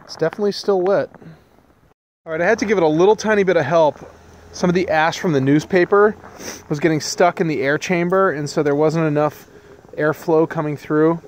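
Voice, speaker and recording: A man in his thirties narrates his homesteading channel's casual, hands-on vlog, rambling in a relaxed way with plenty of ums and restarts. Filmed on a handheld camera, he starts outdoors beside a pickup truck in the snow and later moves to a workshop. His voice is a little high, with slight background noise.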